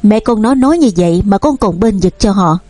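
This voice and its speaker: A woman's voice: mid-range voice, lively intonation, brisk, dark tone, no echo, faint music behind, lightly acted. A woman voicing a harsh, scolding old father who owns a company. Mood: weary. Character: stern angry old father, a company owner.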